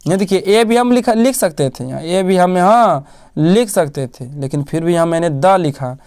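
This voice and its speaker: Smooth-voiced male tutor drilling grammar. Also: high voice, lively intonation, normal speed, darkish tone. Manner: asks questions and answers them himself, repeating key words. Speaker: teacher. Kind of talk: classroom-style grammar lesson.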